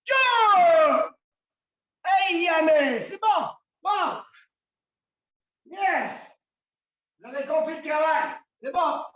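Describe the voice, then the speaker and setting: Québécois man, karate instructor, high slow shouted commands, far off in echoey dojo. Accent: Québécois French. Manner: calls counts in Japanese, loud commanding, explains between drills. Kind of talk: shouted martial arts class instruction. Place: large dojo hall. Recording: echoey hall, from far off, dull.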